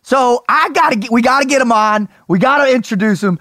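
An American man hosting a show, telling stories in an animated, slangy, bro-ish way. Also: very high voice, a little fast, dry recording, clean studio sound. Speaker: host of an interview show. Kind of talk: casual chat and storytelling.

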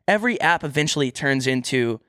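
A man's voice: medium pitch, expressive, brisk, bright, forceful tone, dry recording, clean studio sound. A man co-hosting a podcast in casual, comedic chat, joking and self-deprecating, who pronounces his th sounds as f. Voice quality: says th sounds as f. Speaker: podcast co-host.

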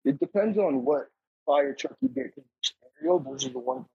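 A man's voice: fairly high pitch, very animated, moderate pace, vocal fry, slightly rough, no echo. A man talking casually as a podcast guest over a remote call whose audio glitches and cuts out, with hesitant, unsure answers. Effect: glitchy call audio cutting out. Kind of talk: casual chat. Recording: dull, dry, lo-fi call audio.

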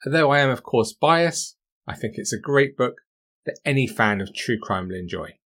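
British guy doing true crime narrator voice for a podcast, scripted and measured, mid pitch. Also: expressive, a bit bright.

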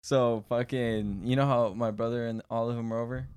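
A man's voice: mid-range voice, fairly even intonation, brisk, a little mellow, a little hiss or hum. A man with a slangy, swearing frat-bro way of talking, chatting casually with friends on a podcast. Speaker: podcast co-host.

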